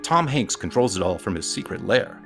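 A man voicing a secretive male crow who spouts conspiracy theories in a hushed, confiding voice. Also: fairly low pitch, sing-song, normal speed, soft background music.

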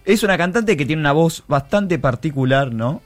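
A man's voice: fairly high pitch, lively intonation, normal speed. A man who patiently explains the music to his skeptical co-hosts, hedging his points. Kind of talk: comedic sketch banter.

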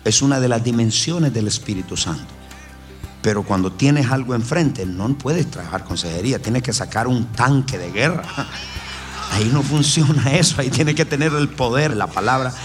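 A man preaching a sermon as pastor, telling stories emphatically with his voice swinging high and low. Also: expressive, moderate pace, over music. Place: church hall. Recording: roomy hall reverb with faint ambience.

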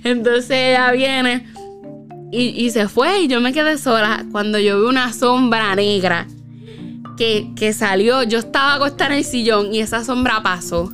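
A woman's voice: fairly high pitch, normal speed, a bit bright, soft background music. A woman casually telling a spooky personal story, with lots of fillers and tag questions.

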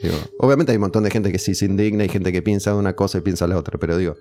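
A man's voice: low voice, racing, warm tone, slight background noise. A man with a Rioplatense Spanish accent giving blunt, sardonic opinions in a casual conversation. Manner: opinionated, sardonic, acts out other people's voices.

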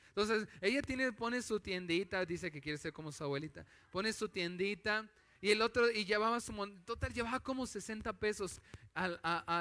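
A man's voice: sits high, bright, forceful tone. A man with a Mexican accent preaching a conversational sermon as a pastor, telling family stories in a chatty, anecdotal way.

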